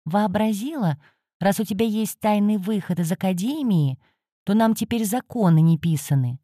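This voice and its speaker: A woman's voice: mid-range voice, expressive, moderate pace, warm tone, slightly rough, no echo, clean studio sound. A woman voicing a grumpy, sarcastic male cat guardian who hisses and scolds. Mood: scolding. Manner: hissing, scolding.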